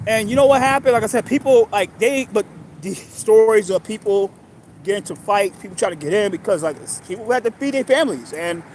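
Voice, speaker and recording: Guy in his 30s from ny, talks in circles, keeps restarting, loud street noise behind him. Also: sits high, expressive, low-quality recording. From New York. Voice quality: repetitive, halting with restarts. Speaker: livestream host. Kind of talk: rambling casual monologue.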